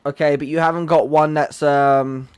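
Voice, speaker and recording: A man's voice: on the high side, flat delivery, moderate pace, smooth, no room sound. A man hosting a gaming livestream, chatting casually and jokingly with his viewers. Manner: chatty, joking, talks to chat by name. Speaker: livestream host.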